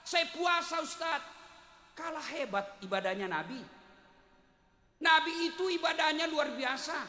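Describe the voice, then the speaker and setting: Man, joking preacher, sings mid-sermon; high, bright voice, echoey PA sound. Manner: jokey storytelling, bursts into song and acts out quotes. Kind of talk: humorous sermon at a public gathering. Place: large outdoor religious gathering. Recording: echoey PA in a big venue.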